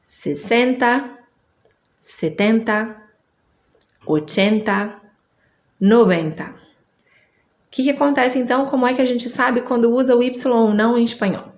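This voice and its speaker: A Brazilian woman whose first language is Portuguese, teaching Spanish in an online lesson, drawing out each word slowly and checking in with her listener. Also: a little high, echoey room, highs cut off. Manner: slow, drawn-out drilling of words, checks in with the listener.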